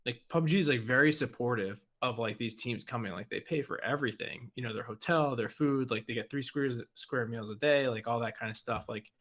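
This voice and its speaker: A man's voice: mid-range voice, a little fast, hardly any pauses, fairly bright tone. A man co-hosting a gaming podcast in casual chat, rambling with lots of "like" and "you know". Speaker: podcast co-host.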